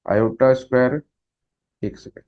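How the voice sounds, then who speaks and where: A man teaches a math lesson at an unhurried pace, working through each step aloud and answering his own questions. His voice sits at a middle pitch. The recording sounds dull and lo-fi. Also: fairly even intonation, a little mellow. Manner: slow, step-by-step explaining, mixing Hindi with English math terms; asks questions and answers them himself. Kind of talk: classroom lecture at a whiteboard.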